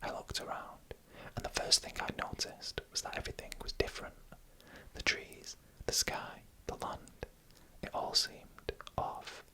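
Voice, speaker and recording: In a soft, voiceless ASMR whisper, a scary story unfolds in short, slow, deliberate phrases with pauses between them. The audio quality is poor.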